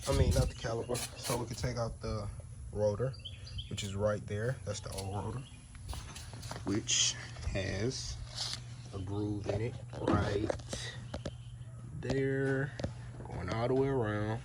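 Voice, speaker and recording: Working on a truck in the open air, a man with a fairly low voice speaks slowly, leaving long pauses in his relaxed how-to narration as he points things out. It's a noisy phone video from his DIY car repair vlog.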